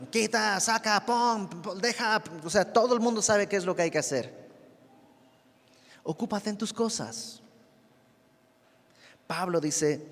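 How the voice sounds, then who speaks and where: A man with a Mexican Spanish accent leads a verse-by-verse Bible study, talking with his listeners rather than preaching at them. His voice sits a little high and he keeps turning to the room with questions. A long reverb trails after his words. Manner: conversational, asks the listener questions. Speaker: Bible teacher.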